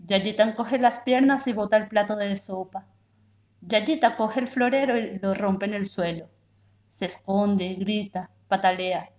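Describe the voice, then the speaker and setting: A woman, a reading promoter, telling a children's story aloud in a measured, expressive way. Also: medium pitch.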